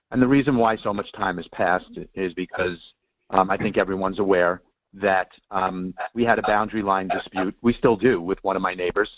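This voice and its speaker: A man's voice: deep voice, no echo. A man calling in over the phone to address a review board, speaking hesitantly with many ums, earnest and defensive. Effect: heard over the phone line. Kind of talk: public comment at a board hearing. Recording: dull, dry phone-line audio.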